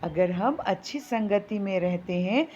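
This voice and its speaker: A woman teacher slowly reading and explaining a story to children. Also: a little hiss or hum. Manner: slow and explanatory, with lively pitch.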